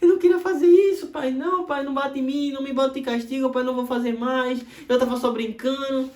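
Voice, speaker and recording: Man playing a sobbing small boy, very high pitch, roomy echo. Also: fairly even intonation, fast, darkish tone. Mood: crying, pleading. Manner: crying, pleading in a high child's voice. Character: frightened little boy begging his father.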